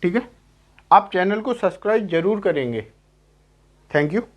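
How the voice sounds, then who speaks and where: A man's voice: sits high, lively intonation, unhurried, highs cut off. A male math teacher giving a lecture in Hindi mixed with English terms. He keeps asking short checking questions and repeats each key term. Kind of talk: classroom-style lecture.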